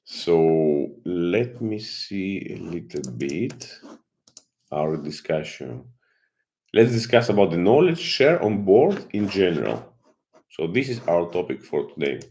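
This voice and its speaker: Slow, deep-voiced man hosting a live stream. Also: very animated, mellow. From Kazakhstan. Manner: halting, many fillers and restarts. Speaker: channel host, marine consultant. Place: home in Greece.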